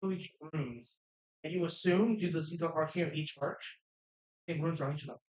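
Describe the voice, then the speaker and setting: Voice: mid-range voice, fairly quick, a little mellow. Rambling game master in an echoey room. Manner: loose, rambling, profane narration. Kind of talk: narrating a tabletop game.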